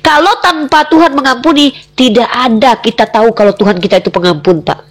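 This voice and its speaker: A woman's voice: a little high, brisk. A woman arguing in a heated religious debate, emphatic and challenging, firing off rhetorical questions at the man across from her. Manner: repeatedly addresses the other man directly.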